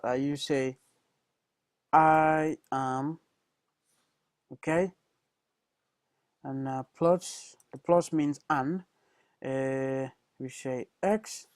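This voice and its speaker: A man's voice: a little high, a little mellow, no echo. A young man giving a casual programming tutorial over a screencast, hesitant, with many fillers and self-corrections.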